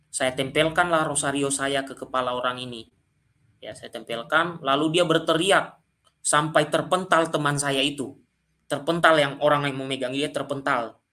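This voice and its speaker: Guy telling his viewers a story, bright punchy voice, keeps talking right to the audience. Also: mid-range voice. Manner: addresses listeners directly and often.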